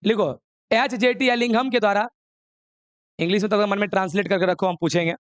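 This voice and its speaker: A man's voice: high voice, fairly even intonation, brisk, smooth, dry recording. A man teaching a chemistry class, coaxing and scolding students while mixing with English. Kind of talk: classroom lesson.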